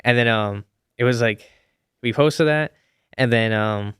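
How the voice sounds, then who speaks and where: Smooth-voiced young man chatting. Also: mid-range voice, a little slow, no echo, clean studio sound. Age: young adult. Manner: rambling, many fillers and restarts. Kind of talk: casual chat.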